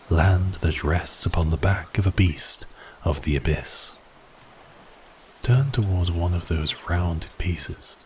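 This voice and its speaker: Voicing a giant cursed sea beast prince for an ASMR roleplay, a man with a very deep, breathy voice speaks in grand archaic phrases, theatrical and teasing, sometimes whispering. He starts imperious and curious, then becomes grand and instructive, with a little hiss or hum in the audio.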